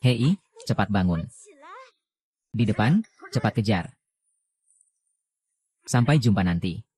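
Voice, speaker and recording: Male dubber, low voice, flat even read for all roles. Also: takes it slowly. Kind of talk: dubbed drama dialogue.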